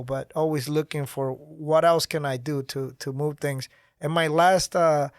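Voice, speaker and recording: Energetic middle-aged man, dry studio sound. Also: on the high side, no room sound. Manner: energetic, gestures while talking. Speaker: guest, nonprofit founder. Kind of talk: podcast interview. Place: small podcast studio. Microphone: studio mic on boom arm.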